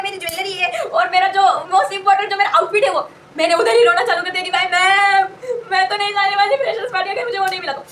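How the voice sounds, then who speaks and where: A young woman, a college student, tells a casual story, rambling and correcting herself along the way. Her voice is very high-pitched, pushed and bright, and sounds far from the mic, with a little hiss or hum.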